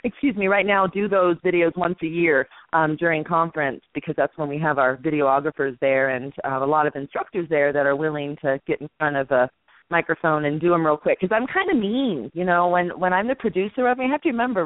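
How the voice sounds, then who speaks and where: A woman's voice: low-pitched, brisk, dry recording. A woman calls in to a radio show and tells stories with an easy, chatty flow, often laughing at herself. Her voice comes through a thin, tinny phone line. The sound is dry. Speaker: guest from an instructors' association. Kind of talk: casual radio chat.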